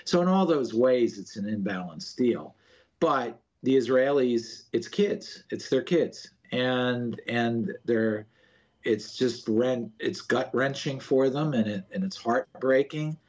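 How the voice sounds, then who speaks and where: A man speaks as an analyst in a news interview. His voice is husky and mid-pitched, with a slightly dull recording. He explains his points haltingly, often doubling back on words. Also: a little mellow. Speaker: political analyst interviewed as a guest.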